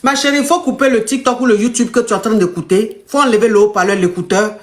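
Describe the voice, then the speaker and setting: A woman's voice: a little high, quick pace. A woman hosting a live call-in show as a coach, speaking to callers in a blunt, impatient way.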